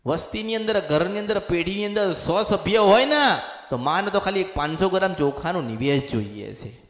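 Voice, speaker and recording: A man's voice: high-pitched, animated, moderate pace. A man acting as a spiritual medium, preaching in a possession sermon and speaking as a goddess in the first person, with lots of repetition. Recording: echoey hall with long reverb.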